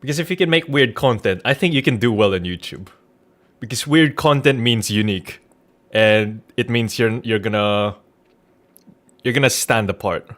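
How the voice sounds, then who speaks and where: At normal speed and in a slightly bright, mid-range voice, a man chats through a game livestream, rambling and joking with casual swearing and an irreverent attitude. Background music accompanies him, and his mic is a Rode NT1-A studio condenser.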